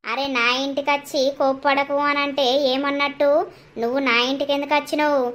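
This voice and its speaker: A woman's voice: high voice, little pitch movement, brisk, fairly bright tone. A woman voicing an angry, jealous village wife in a cartoon comedy, scolding and accusing in a Telangana Telugu accent. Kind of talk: animated village comedy voice acting.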